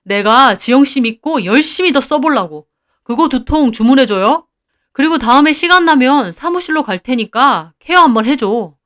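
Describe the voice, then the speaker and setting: Friendly regular customer guy from a story , a woman reads him, chatty and familiar, highish voice. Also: expressive, moderate pace, a bit bright. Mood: chummy. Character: chummy male hair-loss client, a regular. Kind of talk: read-aloud story dialogue.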